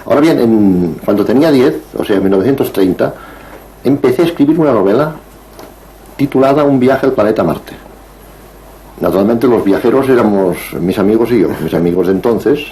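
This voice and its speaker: A man in his sixties from Barcelona, speaking as an interview guest in a measured, digressive way with frequent hesitations. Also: low voice, mellow, slight background noise, low-quality recording. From Barcelona, Spain. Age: 60s. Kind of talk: reflective interview conversation.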